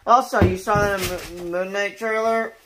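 A teenage boy vlogging casually in a bedroom of a new house, loud, teasing and excitable, recorded on a handheld camera. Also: high voice, moderate pace, a crowd in the background. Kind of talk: casual chat.

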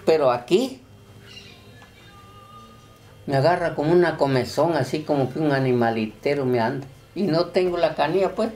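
An older man from Chiapas with a Chiapas Mexican Spanish accent, telling his story slowly and haltingly in a documentary interview. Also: fairly high pitch, darkish tone. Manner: slow, halting storytelling with many restarts. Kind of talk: documentary testimony.

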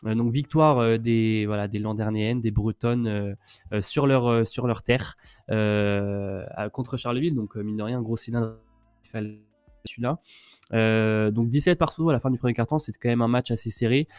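A man's voice: fairly low pitch, steady tone, moderate pace, a little mellow, clean tone, no echo. A man co-hosting a casual streamed sports talk show, recapping games with lots of fillers and restarts as he reels off stats. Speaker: co-host of a women's basketball talk show.

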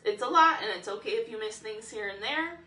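A woman's voice: a little high, expressive, bright, forceful tone, far from the mic. A woman teaching a singing lesson, explaining each step and singing the lines to demonstrate. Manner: explains slowly, then demonstrates sung lines. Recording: roomy, from the mic, with ukulele.

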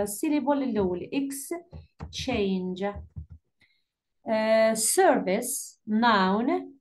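A woman with an Algerian Arabic accent correcting an English exam for her students, patiently repeating key words slowly. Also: on the high side. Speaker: English teacher.

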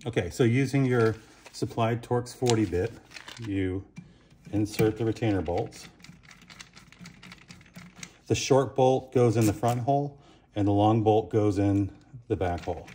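A man's voice: lowish voice, measured pace, long pauses, dark tone, slight background noise. A man giving a plain, step-by-step demonstration of a workshop tool in a small concrete booth, on a camera mic. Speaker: product demonstrator.

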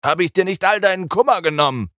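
A man reading an audiobook, voicing a cruel ancient male vampire count who roars in anger and broods softly when calm. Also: high-pitched, quick pace, dry recording, pitched above the performer's own voice. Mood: raging. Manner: roaring and commanding when angry, soft and brooding when calm.

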